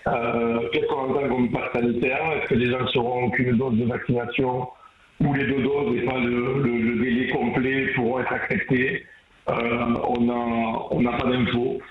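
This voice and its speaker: A man's voice: medium pitch, little pitch movement, measured pace. A man, a restaurant owner calling in over a muffled speakerphone, talking hesitantly with many restarts. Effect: muffled speakerphone, hard to understand. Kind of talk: phone-in caller. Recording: tinny echoey phone line with faint noise.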